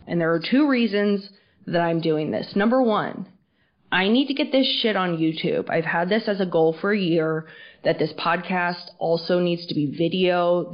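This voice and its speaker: A woman talks casually and frankly as a solo podcast host, swearing freely, her voice muffled as if underwater. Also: on the low side. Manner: frank, informal, profane. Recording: muffled, underwater-sounding, band-limited audio.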